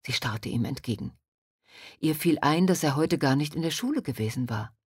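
A woman narrating a story in calm, measured audiobook style. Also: low-pitched, husky, dry recording, clean studio sound.

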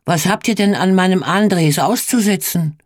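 A reader voicing a frail, gentle older village woman in a storybook reading, soft and earnest. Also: mid-range voice, normal speed, dry recording, clean studio sound, voice pushed up, close to an everyday voice. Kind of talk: audiobook reading.

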